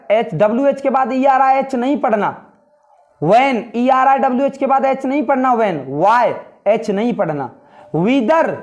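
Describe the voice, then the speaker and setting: A man teaching English grammar in Hindi, explaining step by step and repeating key words, saying the English sentences slowly. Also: very high-pitched, a little mellow, muffled recording. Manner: often addresses students as brother. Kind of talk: classroom grammar lesson in Hindi.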